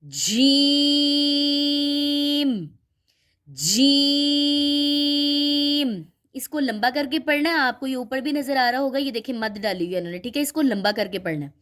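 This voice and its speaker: A woman teaching a children's Quran reading lesson, explaining each sound patiently and often stopping to check that the listener follows. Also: on the high side. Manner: explains slowly, checks in with "theek hai?" often; models letter sounds, drawn out and repeated.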